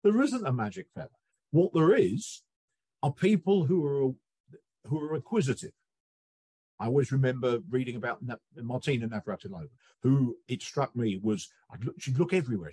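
Middle-aged guy guesting on a podcast, husky voice, lively storyteller, dry close sound. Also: medium pitch, no room sound. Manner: animated storyteller, acts out quick quoted voices. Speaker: guest, coaching researcher. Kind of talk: relaxed interview conversation.

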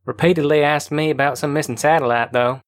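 A man's voice: a little high, fairly even intonation, quick pace, dry recording, voice pushed up, close to an everyday voice. Man voicing a curt, offhand young woman. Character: blunt, wry young woman agent.

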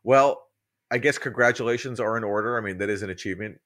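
A man's voice: fairly low pitch, quick pace, fairly bright tone, dry recording, clean studio sound. A man co-hosting a podcast, bantering casually in a mock-solemn, ironic way. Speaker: podcast co-host.

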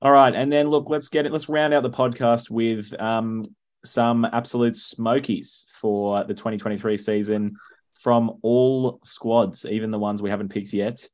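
A man leading a segment of casual podcast banter. He sounds laid-back and ribs the others, his pitch sitting in the ordinary middle. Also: fairly even intonation, a little slow, a little mellow. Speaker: podcast co-host.

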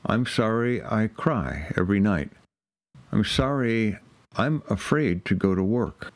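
Guy reading as a worn-out er doctor, low voice, sorry after sorry, heavy and drained. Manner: repetitive, heavy, apologetic litany. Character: burnt-out emergency doctor, weary and apologetic.

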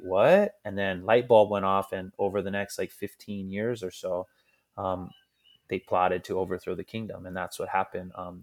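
A man's voice: deep voice, darkish tone. A man from Hawaii, a podcast guest, telling history in a casual, earnest way and acting out the people he quotes. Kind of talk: casual conversational storytelling.

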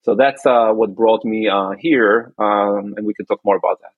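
A man from Israel, answering interview questions in a halting way, often restarting and searching for words. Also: fairly low pitch, fairly even intonation, breathy edge, dry recording, narrow, tinny audio. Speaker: guest, entrepreneur and activist.

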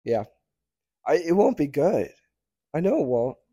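A man's voice: on the high side, very animated, measured pace, mellow, slightly rough. A man co-hosting a podcast, chatting casually, hesitant and often laughing as he trails off. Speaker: podcast co-host. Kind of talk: casual chat.

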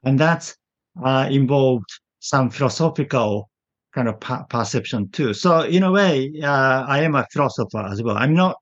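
A Japanese man, a native Japanese speaker, answering interview questions in English with a partly British accent, often pausing to search for words. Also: medium pitch, expressive, lo-fi sound. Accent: Japanese English with British influence. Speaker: guest.

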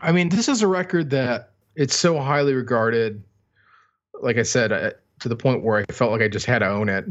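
A middle-aged man co-hosts a podcast, talking about music casually and tentatively, as if thinking aloud. His mid-range voice moves at a normal speed on a slightly lo-fi track.

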